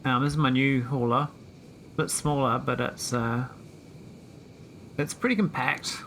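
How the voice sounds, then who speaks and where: A man chatting casually while streaming a game, rambling with many pauses and talking to his viewers. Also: medium pitch, steady tone, fairly bright tone, slight background noise. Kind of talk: casual live-stream chat.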